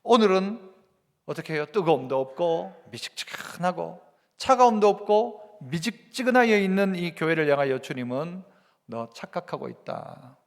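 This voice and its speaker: Male pastor, Gyeongsang accent, high lively preaching voice, long church reverb. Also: moderate pace. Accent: Gyeongsang Korean. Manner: animated preaching, rhetorical questions to the congregation. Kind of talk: sermon. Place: church sanctuary.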